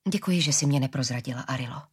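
Woman doing a calm, mysterious assassin. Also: a bass voice, breathy edge, voice pushed down. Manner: quiet, unhurried, soothing.

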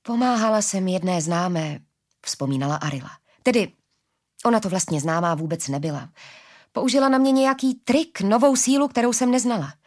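A woman's voice: mid-range voice, lively intonation, a little mellow, close to an everyday voice. Woman doing a tense, wary young heroine. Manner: clipped, through gritted teeth.

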